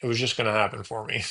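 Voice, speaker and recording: A man's voice: mid-range voice, creaky, a bit bright, breathy edge. A man in his late forties from Houston, a podcast host telling his story in a casual, rambling way, often correcting himself and saying "man" and "dude". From Houston, USA. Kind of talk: casual storytelling interview answers.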